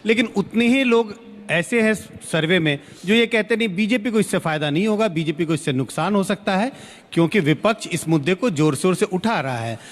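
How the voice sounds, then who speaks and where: A man giving measured analysis of voting data on a television news debate, explaining step by step. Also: sits high, lively intonation. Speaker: political analyst. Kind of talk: analytical TV commentary. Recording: long reverb.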